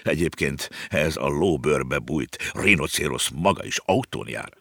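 A man's voice: very deep voice, expressive, creaky, fairly bright tone, no room sound, studio quality, exaggerated voice. A man voicing a polite, formal circus horse. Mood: courteous, aggrieved. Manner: courteous, formal. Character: polite, well-educated, down-on-luck circus horse.

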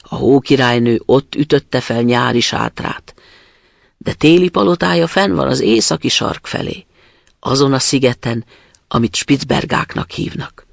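A man voicing a gentle, homesick reindeer who speaks in a wistful, sighing way, in a storybook reading. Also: mid-range voice, creaky, dry recording, studio quality.

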